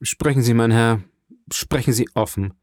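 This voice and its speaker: A man voicing an indignant aging French king in an audiobook reading, asking sharp, imperious questions. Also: medium pitch, moderate pace, no echo, clean studio sound, natural voice. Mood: commanding.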